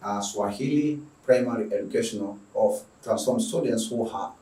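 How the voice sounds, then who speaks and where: A low-voiced man from Tanzania introducing an online lesson, stumbling over and repeating his words. He sounds set back from the microphone in a roomy, echoing space. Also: moderate pace, dark tone, recorded from a distance. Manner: hesitant, many restarts and repeated words. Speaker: online school teacher. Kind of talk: spoken video lesson introduction. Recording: roomy sound, voice away from the mic.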